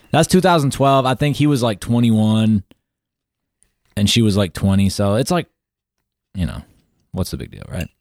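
A man's voice: on the low side, animated, unhurried, long pauses, darkish tone, dry recording, studio quality. A man co-hosting a casual podcast, recapping news with fillers and restarts. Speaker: podcast co-host.

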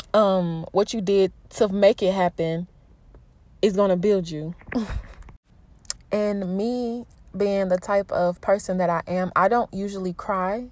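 A woman's voice: medium pitch, no room sound. A young woman hosting her own podcast, talking candidly and with lots of swearing in a motivational, heart-to-heart monologue. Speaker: podcast host. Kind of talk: casual solo podcast monologue.

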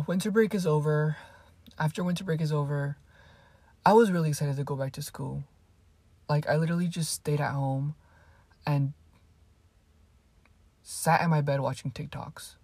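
A teenage girl rambles through a story in a casual vlog, swearing freely and drifting into asides. Her voice sits low and has a husky grain. The sound is dry and close. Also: warm tone, dry recording. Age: teens. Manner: rambling and profane, with fillers and asides. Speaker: vlogger.

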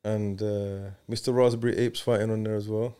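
A man's voice: fairly low pitch, flat delivery, moderate pace, warm tone, smooth. A man with an East London street accent, bantering casually as a podcast host in slangy roadman style. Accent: East London, multicultural street London. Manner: slangy, roadman-style talk with bro, bruv, innit.

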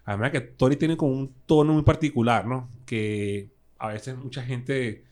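A man with a Caracas Venezuelan accent, a guest musician telling stories in animated, slangy casual chat with lots of fillers. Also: medium pitch, moderate pace. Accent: Venezuelan Spanish (Caracas).

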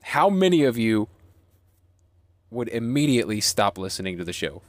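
A man's voice: mid-range voice, sing-song, moderate pace, dry recording. A man hosting a podcast in casual chat, rambling and joking at his own expense. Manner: rambling, joking, self-deprecating. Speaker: podcast host.

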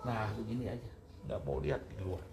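A man's voice: mid-range voice, a little fast, vocal fry, very noisy. A middle-aged man, a guest in an interview, emotionally recounting a personal story. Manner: emotional, animated retelling with rising outbursts.

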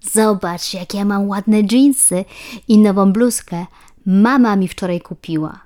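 A woman's voice: medium pitch, unhurried, dark tone, natural voice. A woman voicing a pushy, teasing schoolgirl who mocks a classmate's clothes. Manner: insistent, mocking.

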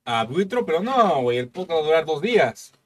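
Teasing Mexican man, a little high. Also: very animated, brisk. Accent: Mexican Spanish. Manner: teasing, mock-insulting banter. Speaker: podcast co-host. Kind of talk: casual comedy chat.

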